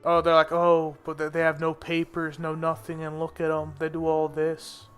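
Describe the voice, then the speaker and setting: With music in the background, this young man talks in a higher voice at normal speed, his delivery completely flat and his tone clean. He was born in America, grew up in India, and keeps the conversation casual, blunt and slangy.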